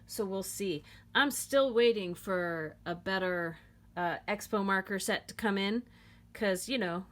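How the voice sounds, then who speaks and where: A woman teaching a knitting technique at home in a casual, chatty and playful way, joking and repeating herself as she goes. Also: medium pitch.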